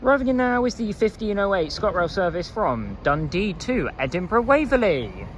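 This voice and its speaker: A trainspotting vlogger commentates methodically on services and unit numbers. The pitch swings in a lively way, and there is light station noise behind the voice. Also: moderate pace. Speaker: video host, trainspotter. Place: railway station platform. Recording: noisy outdoor station ambience.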